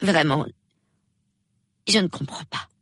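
A woman reading an audiobook gives voice to a spirited young woman who talks directly. Her speech rises and falls widely. It has a husky edge and a dry, close sound. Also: on the low side, animated, slow, fairly bright tone, no room sound, pitched above the performer's own voice, full character voice.

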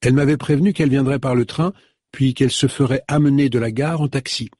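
A man with a husky voice voicing an eager, emotional young woman in an audiobook. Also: mid-range voice, fast, darkish tone, no room sound, clean studio sound, lightly acted. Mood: musing.

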